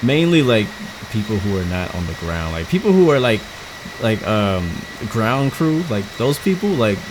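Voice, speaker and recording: Streaming a flight simulator live, this Houston, Texas woman talks loosely with her audience, frequently tripping over words and starting again. Her very deep voice has a sing-song lilt at normal speed, and the background is noisy.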